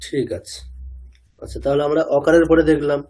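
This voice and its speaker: A man leads an online chanting lesson over a video call. His voice sits a little high, mellow and faintly husky. He asks his students again and again whether they follow and repeats each sound slowly for them. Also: little pitch movement. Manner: patient, keeps checking understanding with tag questions. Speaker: teacher of chanting.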